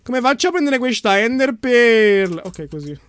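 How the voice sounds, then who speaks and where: High-pitched guy hosting a game stream, jokey and teasing, quick outbursts. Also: lively intonation, a bit bright, clean tone, dry recording, studio quality. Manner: playful, teasing, quick exclamations. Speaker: gaming channel host. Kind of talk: casual gaming chat.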